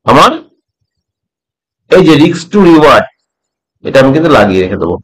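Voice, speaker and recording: A middle-aged man from West Bengal teaching a trading method, talking slowly and repeating points, often checking that the listener follows. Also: medium pitch, sing-song, breathy edge, poor audio. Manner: slow, repeats points, asks "ঠিক আছে?" often. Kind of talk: slow explanatory tutorial.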